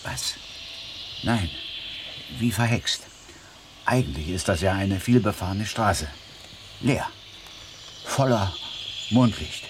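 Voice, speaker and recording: A jittery asylum inmate. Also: male voice, low voice, expressive. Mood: haunted, hushed. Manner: halting, jittery, slow and drawn out when haunted. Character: frightened male asylum inmate, nervous former soldier. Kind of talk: radio drama acting. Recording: audible background noise.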